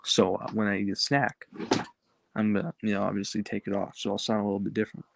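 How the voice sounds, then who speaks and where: A man's voice: lowish voice, flat delivery, fast, gravelly, background noise. A young man co-hosting a casual podcast in a rambling way, his speech slightly impeded by the retainer he is wearing. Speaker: podcast co-host.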